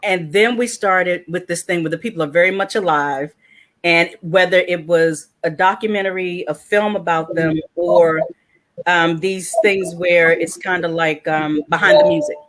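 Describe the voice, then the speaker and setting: Animated woman hosting a panel chat. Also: lowish voice, moderate pace. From Washington, D.C. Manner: animated storyteller, acts out quotes. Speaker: host.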